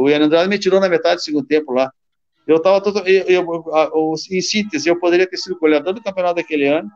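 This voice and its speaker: A former football player from southern Brazil telling stories in casual chat, halting and repeating words. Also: male voice, high-pitched. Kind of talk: casual storytelling on a call. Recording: dull lo-fi call audio.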